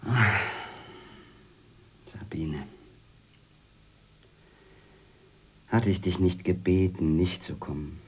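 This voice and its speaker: In a radio drama, a man plays a former editor who is haunted, bitter and obsessive, brooding through a halting literary monologue that often drops toward a whisper. His voice is low-pitched, with a little background noise, and his mood comes across as reproachful and insistent.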